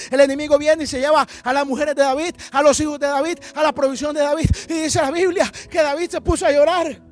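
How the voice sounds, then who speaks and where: A man preaching a fiery sermon to a livestreamed church, building up through long repeated calls. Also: extremely high pitch. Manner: impassioned, repetitive rhetorical build-ups. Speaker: pastor.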